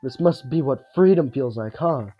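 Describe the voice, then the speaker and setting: A man's voice: medium pitch, lively intonation, moderate pace, breathy edge, highs cut off, soft background music. A man voicing a friendly, admiring young man from a video game, chatty and earnest. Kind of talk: video game character read aloud.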